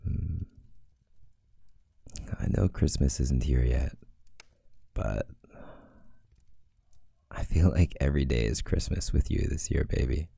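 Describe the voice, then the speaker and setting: Super deep gravelly guy doing a whispered role-play, slow and teasing. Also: warm tone, no room sound, clean studio sound. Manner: playful, teasing, affectionate boyfriend talk. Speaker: audio role-play creator.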